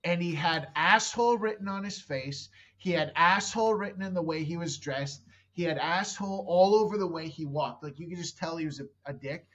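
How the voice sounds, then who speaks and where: On a muffled recording, a brisk, slightly high and somewhat bright male voice belongs to a Canadian comedian in his thirties. As a podcast guest he rambles through a long story, cursing and interrupting himself mid-sentence.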